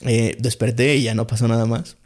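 A man with a Mexican accent tells a long story as a podcast guest. He talks in loose, slang-heavy chat and keeps circling back with fillers. His voice sits at an ordinary middle pitch. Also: fairly even intonation, brisk. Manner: rambling and slangy, full of fillers.

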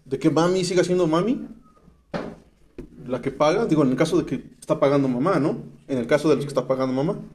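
A man's voice: fairly high pitch, fast talker, darkish tone, a little hiss or hum. A man with a Mexican accent giving a slangy, emphatic testimony sermon to people in rehab, reading and explaining scripture. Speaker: speaker at a rehab center. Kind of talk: preaching testimony to addicts.

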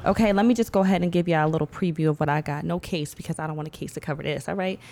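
A young woman co-hosting a casual podcast chat, animated and slangy, with a slight lisp. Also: low-pitched, racing. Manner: chatty, animated, uses slang. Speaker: podcast co-host.

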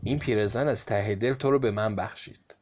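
A man voicing a menacing male devil, lord of the night, speaking in a cold, measured way in a storybook reading. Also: lowish voice, a little mellow, highs cut off, natural voice.

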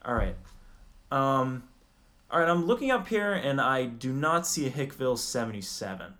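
A man's voice: mid-range voice, lively intonation, normal speed, fairly bright tone, lightly acted. A man playing a formal, hesitant tech support agent in a comedy skit. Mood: apologetic. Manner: stiff formal politeness, hesitant. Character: overly polite male tech support agent.

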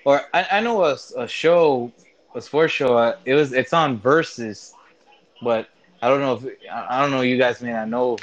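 A man in casual chat who talks haltingly, restarting phrases and filling pauses with "uh". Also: mid-range voice, dull audio.

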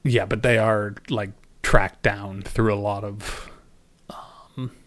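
Casual male podcast co-host, relaxed and chatty. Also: fairly low pitch, slow. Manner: relaxed, chatty, laughs often. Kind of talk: casual chat about an anime.

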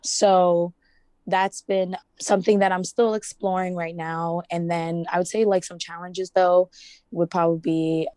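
Young woman student rep from Ghana, raised in the US, lowish voice, chatty with fillers, dry sound. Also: level tone, measured pace, a little mellow, no echo. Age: young adult. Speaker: student representative. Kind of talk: casual interview.

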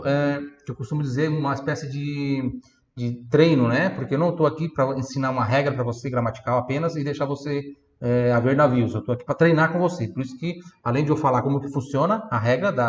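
A man teaches pronunciation in a patient, repetitive way, slowing down to spell each word letter by letter. His voice sits at an everyday middle pitch. The room echoes around him, and the recording sounds a little dull. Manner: patient, drills words slowly, spells letter by letter, frequent "né" and "tá". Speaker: Italian teacher. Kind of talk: online language lesson. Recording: roomy, slightly dull sound.

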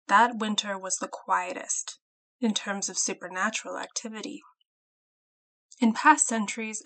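A woman's voice: medium pitch, rough recording. Woman reading her folktale aloud. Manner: clear, measured storytelling. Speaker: podcast host and storyteller.

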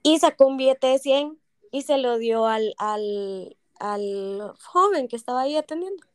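Podcaster, higher voice, dry close mic, lively storyteller. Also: female voice, unhurried, smooth, no room sound. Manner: animated, acts out quoted voices. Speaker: podcast co-host. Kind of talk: casual storytelling chat.

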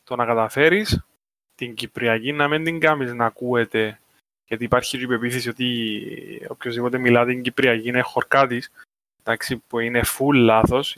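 Bright-voiced man with a Cypriot Greek accent. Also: medium pitch, no echo. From Cyprus. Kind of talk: casual discussion.

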